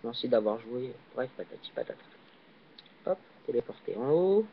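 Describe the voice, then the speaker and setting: A young man casually commenting while he plays a video game, hesitant and full of fillers, with sudden excited yelps on jumps. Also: medium pitch, moderate pace. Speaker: gaming channel host. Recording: dull lo-fi recording.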